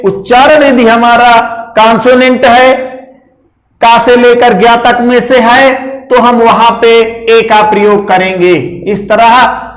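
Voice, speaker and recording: Slow, high-voiced teacher. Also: male voice, fairly even intonation, fairly bright tone. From India. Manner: slow, explanatory, repeats key points. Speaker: English grammar teacher. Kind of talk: classroom grammar lesson. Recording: roomy echo.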